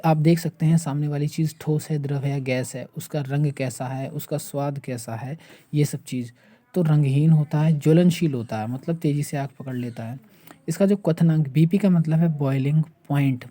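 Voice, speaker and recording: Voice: medium pitch, dark tone. A teacher explaining a chemistry lesson step by step, asking rhetorical questions and restating each term.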